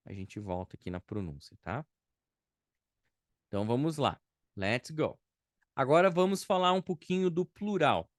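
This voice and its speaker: A patient man teaching a beginner English class at an unhurried, deliberate pace. He drills each model word slowly and repeats it several times, and his voice sits at a middle pitch. The recording is close and dry, with no room around it. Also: no echo.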